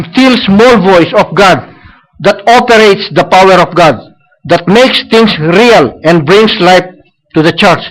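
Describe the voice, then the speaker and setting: A man's voice: sits high, fairly bright tone, low-quality recording. A man preaching a sermon at a church service, mixing Tagalog and English, repeating points for emphasis and tagging lines with a questioning "No?". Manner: switches between Tagalog and English, tags lines with "No?".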